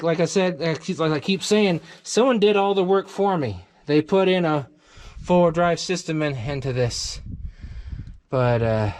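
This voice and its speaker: A man's voice: a little high, darkish tone. Rambling man musing about an old truck. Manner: rambling, thinking aloud with many fillers. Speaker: channel host. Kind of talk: casual vlog commentary.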